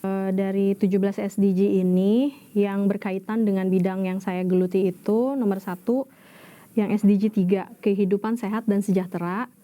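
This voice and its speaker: Mellow-voiced woman in her thirties. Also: mid-range voice, little pitch movement, moderate pace, faint music behind. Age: 30s. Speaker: HR administrator. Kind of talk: interview answers.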